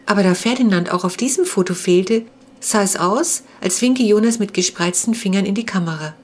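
A woman reading aloud her own children's novel as an audiobook, calm and measured. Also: medium pitch.

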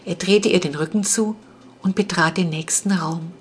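A woman's voice: fairly low pitch, moderate pace, slight background noise. A woman reading a children's adventure audiobook as the narrator, in a suspenseful storytelling manner. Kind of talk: scripted narration.

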